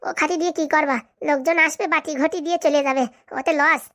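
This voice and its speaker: A woman voicing a bossy, sharp-tongued cartoon wife who scolds and insults her husband. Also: sits high, steady tone, fast talker. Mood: scolding. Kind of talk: comic cartoon dubbing.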